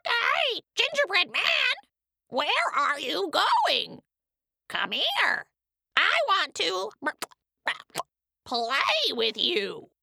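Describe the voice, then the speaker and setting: A woman's voice: extremely high pitch, huge pitch swings, drawn-out words, vocal fry, pauses often, pushed and bright, no echo, clean studio sound, pitched above the performer's own voice, heavily acted. A woman voicing a sly hungry hen coaxing the gingerbread man over.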